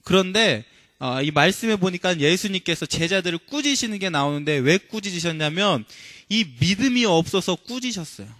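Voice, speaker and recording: A male preacher giving a sermon in a church, talking to the congregation with frequent questions and slowing down for emphatic scripture quotes. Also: high-pitched, expressive, fairly bright tone, no echo, clean studio sound.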